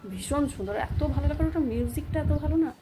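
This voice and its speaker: Cooking in her home kitchen, a Bengali-accented mother in her thirties chats casually for a home vlog, rambling and coaxing her child along. Her voice is high-pitched, animated, and fast, with a noisy background.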